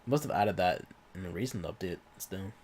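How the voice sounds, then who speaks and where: A man's voice: deep voice, normal speed, darkish tone, slight background noise. A man with an irritated throat and a cough, rambling through casual let's-play commentary with offhand swearing and muttered asides. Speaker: gaming video host.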